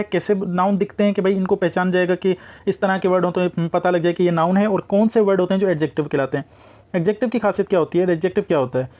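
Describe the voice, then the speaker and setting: A man teaching a grammar lesson, explaining step by step and reading out word pairs slowly. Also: high-pitched, a little mellow. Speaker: English teacher. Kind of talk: classroom-style grammar lesson.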